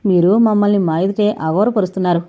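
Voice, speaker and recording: A woman's voice: mid-range voice, fast talker, warm tone, close to an everyday voice. A woman voicing a bossy, reproachful man of the household in a dull lo-fi recording.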